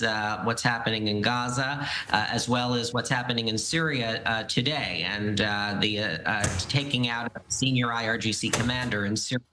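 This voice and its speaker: Bright-voiced male news guest. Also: medium pitch, rough recording. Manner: measured, frequent fillers. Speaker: guest analyst. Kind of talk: news interview commentary.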